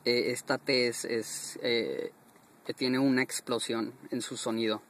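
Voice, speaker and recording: A man's voice: medium pitch, level tone, a bit bright. A man teaching pronunciation, reciting single syllables one by one with short explanations. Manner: slow, deliberate drilling of single sounds with short explanations. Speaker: language teacher.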